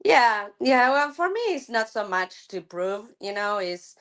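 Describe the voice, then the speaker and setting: A middle-aged woman from Argentina, a softball coach chatting thoughtfully in an interview, with many fillers and restarts. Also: medium pitch, expressive, measured pace, smooth. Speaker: college softball head coach. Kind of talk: casual interview chat.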